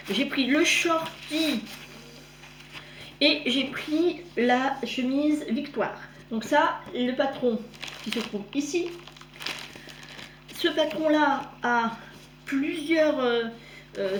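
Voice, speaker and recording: Middle-aged woman chatting about her craft gifts, highish voice, stumbles and corrects herself a lot, roomy echo. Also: a little hiss or hum. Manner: chatty, halting, many fillers and self-corrections. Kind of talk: casual show-and-tell.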